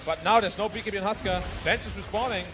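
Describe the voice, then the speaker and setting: A male esports analyst speaks very quickly in a slightly high voice. He gives conversational match analysis with music clearly playing behind him.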